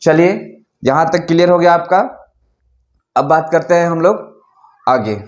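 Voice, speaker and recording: A man teaching an English grammar lesson, explaining rules slowly and repeatedly while asking his students questions. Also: on the high side, echoey room.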